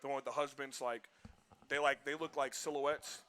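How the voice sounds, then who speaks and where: A man rambles through casual stream talk, piling on "like" as he goes. His voice sounds bright and forward. He keeps a loose, animated delivery throughout. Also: medium pitch, normal speed, clean tone. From Boston, US. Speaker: livestream co-host. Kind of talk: casual chat.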